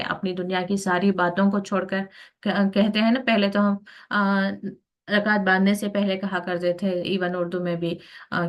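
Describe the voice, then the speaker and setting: A woman teaching a Quran lesson, explaining step by step and slipping English words into her speech. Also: mid-range voice. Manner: explains step by step with many fillers.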